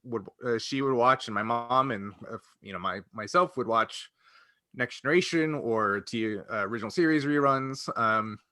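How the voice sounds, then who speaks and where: This man's voice is medium-pitched, bright and forceful, at a moderate pace, recorded with studio quality and no echo. As a podcast co-host, he reminisces loosely, trailing off, restarting and doubling back as he talks.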